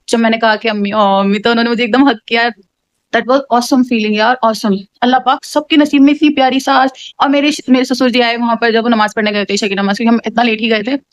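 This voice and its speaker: A young woman vlogging from home, telling a story in a chatty, animated way and dropping English words into her talk. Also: fairly high pitch, dry recording, highs cut off. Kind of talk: casual chatty vlog. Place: home, indoors.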